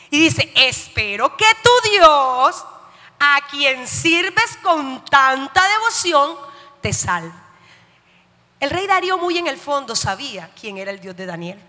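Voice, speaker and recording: A woman's voice: sits high, pushed and bright. A woman preacher giving an emphatic sermon in a church hall, often putting questions to her listeners. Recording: long hall reverb.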